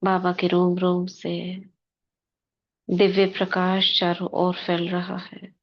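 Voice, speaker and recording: In a slightly dull, lo-fi recording, a female meditation leader guides a spiritual meditation. Her voice is fairly low and very even, and she moves very slowly through short devotional phrases with pauses between them.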